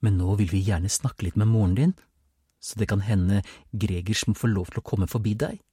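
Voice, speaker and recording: A man's voice: fairly low pitch, warm tone, husky, dry recording, clean studio sound. A man voicing a polite, matter-of-fact woman official from a collection agency in an audiobook.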